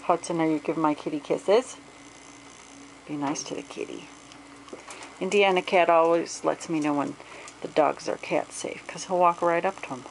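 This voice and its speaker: A woman's voice: deep voice, fairly even intonation, normal speed, gravelly, pauses often, a little hiss or hum, rough recording. A woman who runs a dog rescue, chatting and cooing baby talk at her cat and dogs at home. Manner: coos baby talk at pets. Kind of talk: casual pet video narration.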